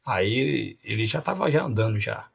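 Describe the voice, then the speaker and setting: A man recounts his life story as a pastor on a podcast. His voice is gravelly and husky, lively in its storytelling and broken up by chuckles. He speaks in an easy, conversational way. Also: fairly low pitch, normal speed. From Rio de Janeiro. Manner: animated storyteller, laughs often.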